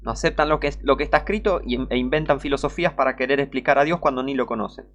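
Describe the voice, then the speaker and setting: A man's voice: medium pitch, racing, a bit bright. A man with a Rioplatense Spanish accent who preaches an online sermon, emphatic and scolding, repeating his points and reading scripture aloud.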